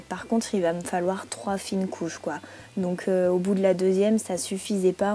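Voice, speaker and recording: A woman vlogger chatting casually in her bedroom while reviewing products, relaxed and chatty with frequent hesitations. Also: mid-range voice, husky. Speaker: beauty vlogger.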